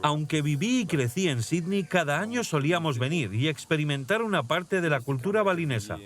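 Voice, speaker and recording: A man voicing a calm, reflective young prince. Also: a little high, a little fast. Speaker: dubbed interviewee voice-over. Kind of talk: documentary dub voice-over.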